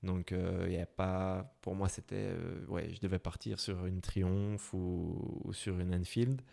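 Young Brussels man, low gravelly voice, hesitant interview answers. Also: little pitch movement, a little slow, dark tone. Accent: Brussels French. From Belgium. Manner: hesitant, many fillers and restarts. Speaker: interviewee, motorcycle traveler. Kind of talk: casual interview.

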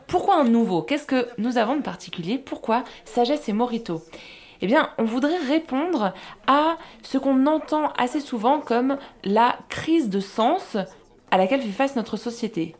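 Animatrice de balado au ton questionneur. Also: female voice, a little high, animated, normal speed, a little mellow. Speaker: podcast host. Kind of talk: podcast talk.

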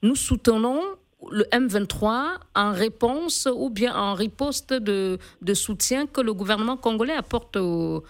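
A woman's voice: fairly high pitch, expressive, unhurried. A woman moderating a radio debate, speaking hesitantly with many fillers but firm about whose turn it is.

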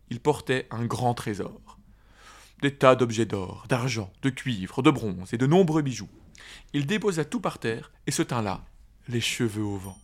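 A man narrating a fantasy audiobook with a slow, expressive, dramatic delivery. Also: mid-range voice. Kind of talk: audiobook reading.

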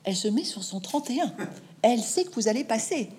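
A woman's voice: fairly high pitch, very animated, a little fast, mellow. A woman voicing a friendly male greengrocer in a confiding tone, while reading from her novel.

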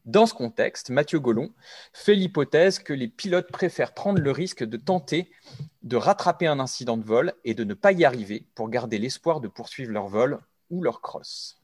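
A man with a husky voice presents a prepared, fluent explanation on a live show. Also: medium pitch, animated, moderate pace, darkish tone.

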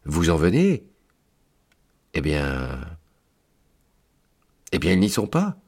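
A man doing a raspy, mournful angel. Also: deep voice, wildly swooping pitch, slow pace, a little mellow, full character voice. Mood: exasperated. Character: tall dark-winged male angel of purgatory, mournful. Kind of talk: storytelling read-aloud.

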